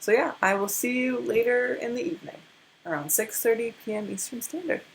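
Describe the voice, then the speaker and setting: A woman's voice: fairly high pitch, brisk, creaky, a little hiss or hum, rough recording. A tired young woman with a stutter, giving a casual tarot card reading after very little sleep, with many restarts. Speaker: tarot reader.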